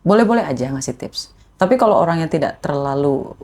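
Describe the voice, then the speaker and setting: A woman's voice: deep voice, a little fast. A young woman, a former ride-hailing driver, telling her life story as a guest in a casual podcast interview, acting out the voices she quotes. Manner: animated, acts out quoted voices.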